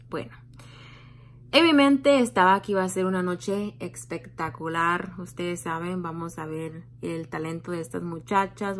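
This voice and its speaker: A young woman talking straight to camera in a casual vlog, telling a story with lively emphasis and mocking others' gossip. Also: vocal fry, slight background noise. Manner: animated, mocks gossip in a high voice. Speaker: vlogger.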